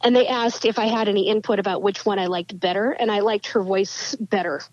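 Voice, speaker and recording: A woman novelist talks through her answers in a chatty, rambling way, full of fillers and restarts. Her pitch sits in the middle, and the sound is a little dull and lo-fi. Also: fairly even intonation, fairly quick, a little mellow, no room sound. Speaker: novelist guest. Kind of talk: interview answers.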